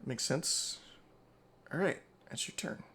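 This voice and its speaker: A man running a tabletop game over voice chat, explaining rules in a relaxed way with plenty of ums. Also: slow pace. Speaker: game master.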